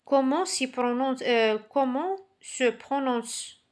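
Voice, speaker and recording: A woman teaching Spanish, reading vocabulary slowly one word at a time and explaining in French. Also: high-pitched. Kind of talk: slow classroom vocabulary reading.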